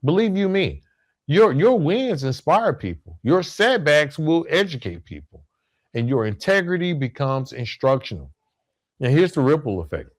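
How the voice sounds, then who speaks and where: A man with a fairly high voice hosts a podcast, very animated yet at normal speed, as he gives a semi-scripted motivational monologue. He sounds earnest and emphatic, using repetition for effect.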